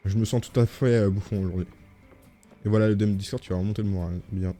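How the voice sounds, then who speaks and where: Mellow-voiced French gaming streamer. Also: male voice, on the low side, fairly even intonation, quick pace, faint music behind. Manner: chatty, reads game text aloud, jokes. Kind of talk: gaming livestream commentary.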